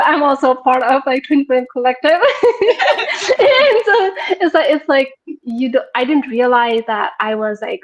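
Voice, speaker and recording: A woman's voice: on the high side, dull audio. A woman in her thirties from Nepal, a guest talking casually about her personal transformation, laughing often and filling with "like". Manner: giggly, frequent laughter, many fillers. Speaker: program participant, guest. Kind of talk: casual conversational testimonial.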